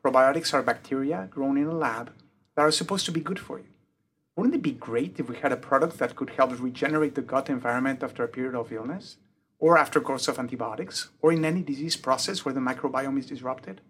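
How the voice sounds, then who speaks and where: A man's voice: mid-range voice, fast talker, slight background noise. A man with a mixed French and Mexican accent, a pediatric emergency doctor, methodically explaining his research in an interview. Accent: mixed French and Mexican Spanish. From born in the UK, grew up in Mexico. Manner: methodical, lists points in a steady explanatory way.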